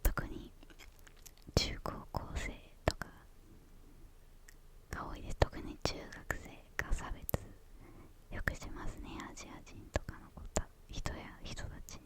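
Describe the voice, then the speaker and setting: A young woman speaking in a hushed, breathy whisper, answering questions in ASMR style with hesitant pauses between short phrases.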